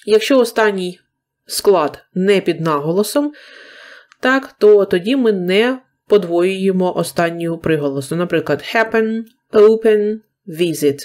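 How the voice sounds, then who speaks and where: A woman from Ukraine with a Ukrainian accent teaching an English grammar lesson on video, explaining rules patiently and slowing down to model English examples. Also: medium pitch, expressive, a little mellow.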